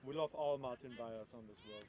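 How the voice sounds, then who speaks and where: A man's voice: medium pitch, brisk. A man doing enthusiastic, joking color commentary at a live outdoor match. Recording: loud crowd behind.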